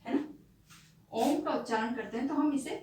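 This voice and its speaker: A woman's voice: sits high, normal speed, a little mellow. A woman teacher giving an exam-prep grammar lesson, explaining step by step and asking and answering her own questions, sometimes slipping in English words. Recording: echoey room, distant mic, faint background noise.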